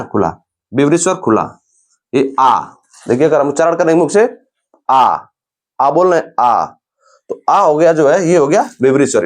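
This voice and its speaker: Male grammar teacher, lively pitch, slightly high voice, patient and repetitive. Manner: explains slowly, repeats sounds and terms, often says "dekhiye". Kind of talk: classroom-style lecture.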